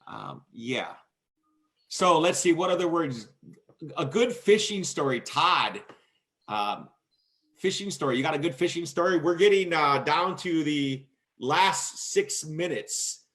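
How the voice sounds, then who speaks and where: A man hosting a casual talk show with a fairly high voice. He tells long stories in a lively, animated way, raising his voice to act out what others said. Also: slow pace. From Michigan, USA. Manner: animated, acts out quotes in a loud voice. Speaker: host. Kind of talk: casual storytelling chat.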